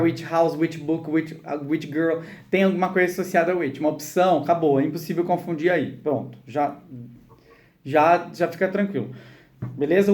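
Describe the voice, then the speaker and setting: A man's voice: sits high, a little mellow. A man teaching English in a live online class, patiently explaining and acting out short example dialogues.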